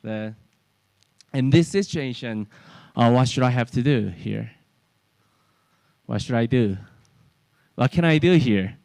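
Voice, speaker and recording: Man with a Korean accent, workshop presenter, unhurried delivery, smooth clean voice, dry close sound. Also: medium pitch, expressive, darkish tone, no echo. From South Korea. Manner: halting, many fillers and restarts. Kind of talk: technical lecture. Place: conference workshop room.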